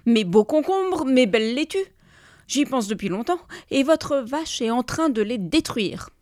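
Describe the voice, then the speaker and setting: A sly neighbor, acted out by a woman storyteller, shouting with put-on fury. He gets loud and pitched up in his mock outrage. The recording is close and dry. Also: animated, measured pace, no echo. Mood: mock-furious.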